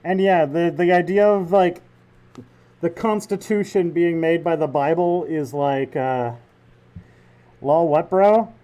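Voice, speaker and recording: A young man with a high, mellow voice riffs irreverently over a news clip. He jokes and swears casually, talking like a reaction-video host. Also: slow, lo-fi sound. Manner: irreverent, joking, swears freely.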